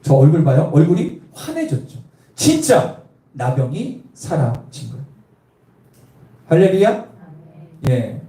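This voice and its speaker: A man's voice: fairly high pitch, wildly swooping pitch, takes it slowly, pauses often, mellow. A male pastor preaching a sermon, telling the story and quizzing the congregation with questions. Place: church. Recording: echoey room, voice from a distance.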